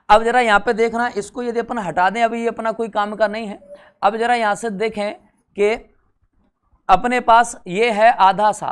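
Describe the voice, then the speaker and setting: A man's voice: sits high, smooth. A man from India giving a classroom lecture at a board, talking conversationally, checking that students follow and adding wry, teasing asides. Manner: conversational, addresses students directly, checks understanding. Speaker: teacher.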